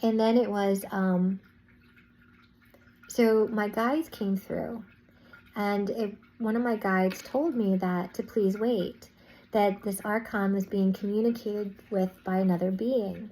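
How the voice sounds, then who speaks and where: A woman's voice: mid-range voice, fairly even intonation, takes it slowly, mellow, poor audio. A woman vlogger casually recounting a spiritual experience, rambling with restarts and "I was like" asides.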